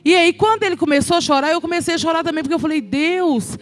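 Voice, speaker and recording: High-voiced Brazilian woman giving testimony. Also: racing, soft background music. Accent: Brazilian Portuguese. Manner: emotional, addresses the congregation as brothers. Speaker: children's ministry speaker. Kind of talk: testimony sermon.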